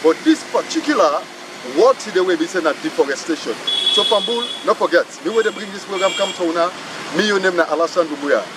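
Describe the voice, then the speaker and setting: Animated high-voiced Sierra Leonean man presenting. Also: fast. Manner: emphatic, repetitive. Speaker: host of an educational program. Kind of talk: educational presenting, mixing Krio and English. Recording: clear outdoor traffic noise.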